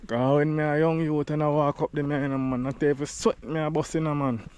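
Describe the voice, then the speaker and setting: A man's voice: fairly high pitch, little pitch movement, brisk, darkish tone, smooth, muffled recording. Breathless Jamaican man walking a hill. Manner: chatty patois, talking to camera while walking uphill. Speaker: vlogger. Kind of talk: casual walking vlog. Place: outdoors on a rural hill road.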